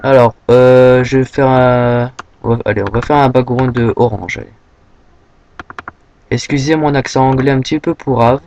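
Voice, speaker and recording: A man's voice: mid-range voice, flat delivery, normal speed, pauses often, darkish tone, dull audio, a little hiss or hum. Casual young Frenchman with many fillers. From France. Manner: rambling, filler-heavy, says "hop" often. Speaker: tutorial maker. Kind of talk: casual screen-recorded software tutorial.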